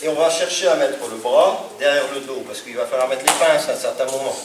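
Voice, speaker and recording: A man's voice: mid-range voice, fairly quick, crowd noise. Man teaching holds in an echoey hall. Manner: explains step by step while demonstrating on a partner. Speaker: self-defense instructor. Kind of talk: demonstrating holds in a martial arts class. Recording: echoey hall, distant mic, noisy.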